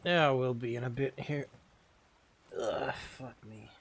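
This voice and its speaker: Man, average pitch, easygoing, teasing, in-character Western role-play chat. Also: takes it slowly, vocal fry, slight background noise. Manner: easygoing, teasing, laughs often.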